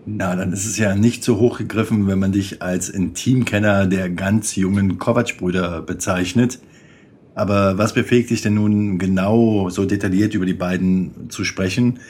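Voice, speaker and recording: A man's voice: deep voice, steady tone, normal speed, a little mellow, slight background noise. A man in his forties hosting a podcast, reading a formal introduction with a wry touch, then interviewing a guest. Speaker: podcast host.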